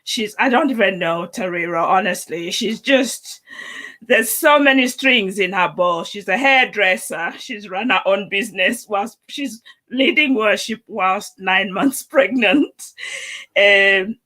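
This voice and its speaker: A woman's voice: mid-range voice, a little slow, bright, forceful tone. A woman hosting a faith talk show, introducing guests with enthusiasm. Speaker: show host. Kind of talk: casual chat.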